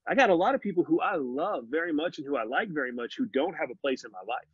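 Via a laptop mic on a video call, a man in his forties guests on a podcast from his living room, bookshelves behind him. His voice is on the high side and a bit rough, fast and lively in intonation, and he sounds earnest and animated in the relaxed interview despite the muffled, dry audio with no room sound.

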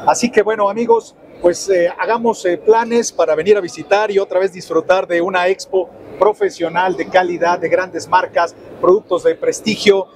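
A man's voice: high voice, steady tone, moderate pace, crowd noise. A middle-aged man with a Mexican accent interviewing a guest at a trade show booth, upbeat and promotional, speaking straight to the audience. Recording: noisy expo floor ambience.

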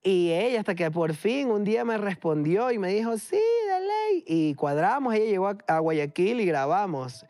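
A young man with an Ecuadorian accent, a guest in a TV studio, telling stories in an animated way and laughing often. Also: high-pitched, moderate pace, few pauses, dry recording. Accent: Ecuadorian Spanish. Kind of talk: casual interview chat.

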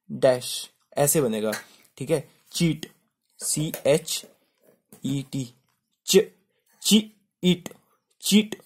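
A man's voice: on the high side, slightly rough. A male shorthand teacher giving a step-by-step tutorial, spelling words letter by letter and repeating "simple" and "okay".

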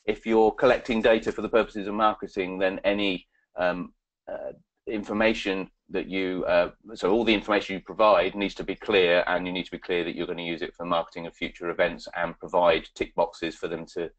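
Low-voiced guy running a webinar q&a, lots of ums and false starts. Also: level tone, highs cut off. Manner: halting, many fillers and restarts. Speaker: webinar presenter and consultant. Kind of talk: webinar presentation and Q&A.

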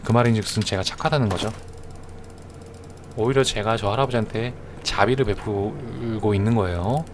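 A man's voice: on the low side, moderate pace, a little hiss or hum. A man streaming a game live, chatting in a joking, mock-earnest way as he justifies his moves. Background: music.

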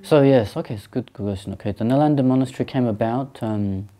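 A Buddhist monk in his thirties, from Sri Lanka and raised in England, answers interview questions thoughtfully with many pauses and restarts. His voice is mellow and medium-pitched, and he sits in a small indoor room beside a shrine.

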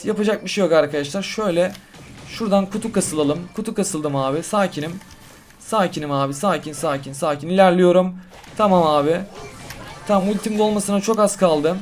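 A young man giving casual gameplay commentary to his viewers, excitable and quick to get frustrated. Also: sits high, soft background music. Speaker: gaming YouTuber. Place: hot room at home.

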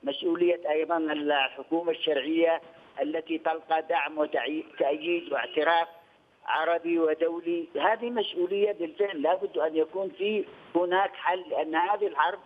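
A man's voice: on the high side, steady tone. Older man over a tinny phone line. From Yemen. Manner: measured, repeats phrases, hesitant fillers. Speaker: studio guest, former press union head. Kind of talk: remote news interview.

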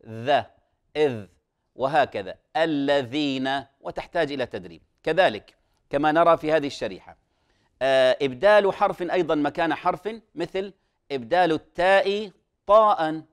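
Male recitation teacher, slightly high voice, patient explainer, hesitant fillers, slow drawn-out demonstrations. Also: clear, resonant tone. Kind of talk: televised recitation lesson.

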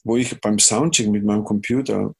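A man from Chile with a Chilean Spanish accent, a music producer telling animated stories in a podcast interview, humming melodies and acting out dialogue. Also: lowish voice, normal speed, vocal fry, husky. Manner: animated storyteller who hums melodies and acts out dialogue. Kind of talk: casual podcast interview storytelling.

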